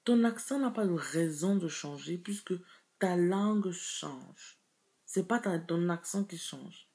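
Mellow-voiced woman ranting playfully. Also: fairly low pitch, expressive. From Côte d'Ivoire. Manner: teasing, emphatic, drawn-out exclamations. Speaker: vlogger. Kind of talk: comedic rant to camera.

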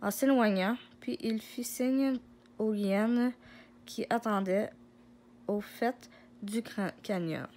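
Lady reading a kids story, really slow, trips over words and restarts. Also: fairly high pitch, steady tone, darkish tone, a little hiss or hum. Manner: slow, with frequent slips and restarts.

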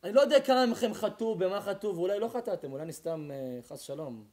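Man, rabbi, sermon, very high voice, swings quiet to shouting. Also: animated.

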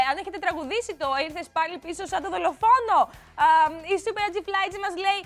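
A young woman hosting a studio show, her voice high and bouncing all over the place as she teases viewers about their comments. She talks in a casual, playful way, with faint music under her. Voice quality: odd put-on voice today. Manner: playful, teasing, lively. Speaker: TV host reading viewer comments. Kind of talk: casual chatty TV presenting.

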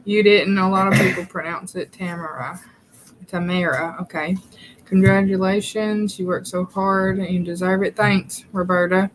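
A woman with a Southern accent reads viewer comments in casual chat and giggles easily. Her pitch is an ordinary middle. A faint background noise runs underneath. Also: little pitch movement, moderate pace. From Southwest Arkansas. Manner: giggly, reading comments aloud. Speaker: livestream co-host.

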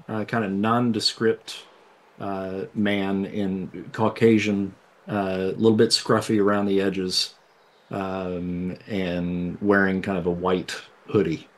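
A man narrating as game master in a relaxed, descriptive way, filling pauses with uh. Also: fairly low pitch. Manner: relaxed, descriptive, with many fillers.

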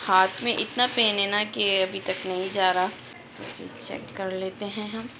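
A young vlogger chats casually and upbeat with viewers in her home kitchen, addressing them directly for a home cooking vlog while filming on a handheld phone camera. Her medium-pitched voice is steady and unhurried, and the recording has background noise and cut-off highs.

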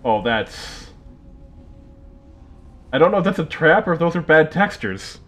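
A man's voice: a little high, big pitch swings, a little slow, a bit bright. A man streaming a horror game live, muttering to himself, joking and swearing freely as he plays. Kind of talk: casual live-stream gaming commentary.

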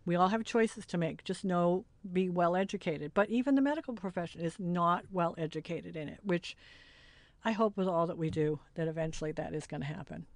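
A middle-aged woman hosting a podcast chats candidly and emotionally as she wraps up an episode, in a casual podcast wrap-up style. Her voice is fairly low and brisk, and the recording is dry.

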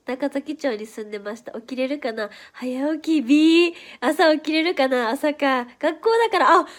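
A young-sounding woman with a Kansai accent chats on a casual livestream, her voice pitched high and a little stuffy from hay fever. She reacts to viewers quickly and playfully. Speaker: idol livestream host. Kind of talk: casual livestream chat reading viewer comments.

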